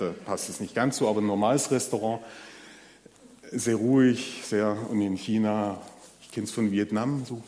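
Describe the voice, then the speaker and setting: A man giving a sermon in a conversational way, speaking straight to the congregation and pausing often on fillers. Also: lowish voice, darkish tone, in a large hall, slight background noise. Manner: conversational, addresses the audience directly with many fillers. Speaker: preacher.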